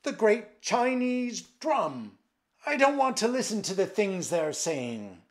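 A dying old emperor cries out in panic, his voice leaping high and loud, put on by a man reading a fairy tale. He sounds desperate and frightened as he pleads. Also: sing-song, slow pace, full character voice. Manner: shouting in panic.

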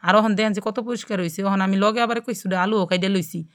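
A woman's voice: mid-range voice, fairly even intonation, racing. A woman with a Gazipur regional Bengali accent hosting a cooking vlog, chatting straight to her viewers and often checking that they follow. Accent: Gazipur regional Bangladeshi Bengali. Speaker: cooking channel host. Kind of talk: casual cooking vlog narration.

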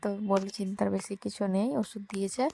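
A woman's voice: medium pitch, level tone, quick pace, vocal fry, dark tone, slightly rough. A young woman from Bengal narrating a casual daily vlog, chatting to her viewers as friends with many fillers. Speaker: vlogger.

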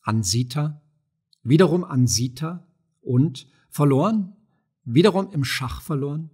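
A man's voice: on the high side, lively intonation, a little slow, a little mellow, husky, heavily acted. A man reading an audiobook of a play, voicing a stubborn, grumbling dervish treasurer.

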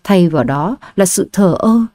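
A woman's voice: lowish voice, unhurried, no echo, clean studio sound. Woman narrating a dramatic audiobook. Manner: steady, dramatic storytelling. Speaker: storyteller.

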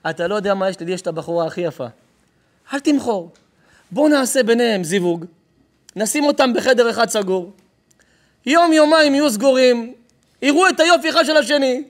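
A man's voice: high voice, steady tone, few pauses, close to an everyday voice. A man voicing a scheming, greedy kidnapper who boasts and gloats in slangy talk. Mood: gleeful scheming. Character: scheming greedy male kidnapper, gleeful swaggering villain.

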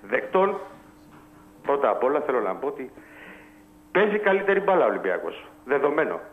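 Over a tinny phone line, a male caller to a radio show talks football in a heated, blunt and emphatic manner. His mid-range voice is very animated.

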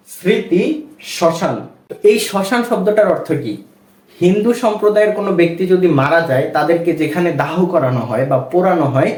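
A man teaches a reading lesson in a fairly high voice, slow and patient. He keeps quizzing the viewer and then answers himself. The sound carries a roomy echo. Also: darkish tone. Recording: echoey room.

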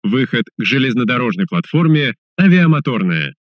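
A man's voice: medium pitch, very animated, no echo. Dry, formal male subway announcer. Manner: formal, measured, clearly enunciated. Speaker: metro train announcer.

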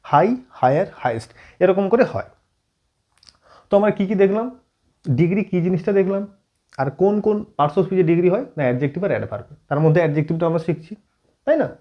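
A man teaching an English grammar lesson at a whiteboard, often checking in with his students and slowing down as he writes. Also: high voice, expressive, muffled recording. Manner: frequent check-in questions to students; writes on board while explaining, slowing down.

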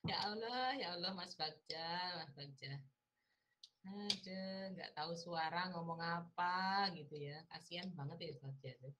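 She speaks slowly, in a lowish, sharp voice with long pauses, and a slight hiss or hum is audible. The university lecturer, who has a Javanese accent, chats casually and playfully with her students in an online class, often laughing and teasing.

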